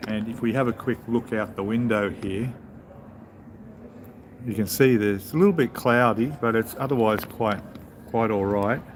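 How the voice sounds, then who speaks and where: A relaxed man with a fairly low voice rambles through a casual live-stream chat, talking to his viewers between bites. He sits in a big hotel lobby bar. Clear background noise hangs behind his voice the whole time. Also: normal speed. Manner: relaxed, rambling, chats with viewers while eating. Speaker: travel vlogger.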